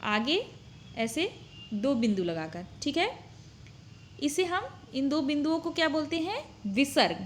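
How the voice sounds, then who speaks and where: A woman's voice: high-pitched, expressive, measured pace, pauses often, a little hiss or hum. A woman teaching Hindi to young children, drilling words syllable by syllable and asking her pupils questions. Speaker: primary school Hindi teacher. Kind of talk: slow, deliberate lesson for young children.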